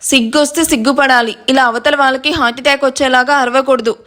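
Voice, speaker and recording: A woman storyteller voicing a brisk, bossy elder sister who scolds. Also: high voice, fairly even intonation, a bit bright. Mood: scolding.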